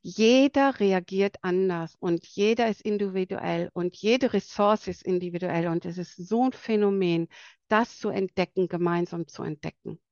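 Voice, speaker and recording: A woman with a light, bright voice giving an earnest presentation about palliative care for children, pausing now and then to search for words. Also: mid-range voice, clean tone, dry recording, muffled recording. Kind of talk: presentation to an audience.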